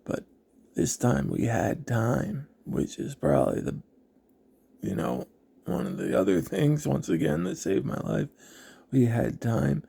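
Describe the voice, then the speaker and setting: A man recounts his own story in a slow, halting way, pausing often to collect himself. His voice is gravelly and husky, mellow in tone, and swings widely in pitch. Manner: halting, reflective, many pauses. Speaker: vlogger. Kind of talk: personal storytelling.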